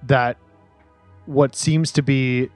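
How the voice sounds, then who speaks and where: A man narrating as game master of a tabletop role-playing game, relaxed and quick to laugh. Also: mid-range voice, no echo, faint music behind. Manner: relaxed, laughs easily, voices side characters.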